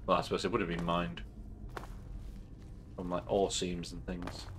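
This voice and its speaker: A man's voice: deep voice, level tone, normal speed, fairly bright tone. A man casually commenting while playing a game, chatty and swearing as he thinks aloud. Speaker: streamer.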